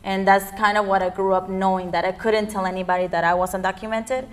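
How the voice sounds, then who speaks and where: Speaking fast in a flat, mid-range voice, a young woman from Peru gives sincere interview responses peppered with "um." She's a youth immigrant activist.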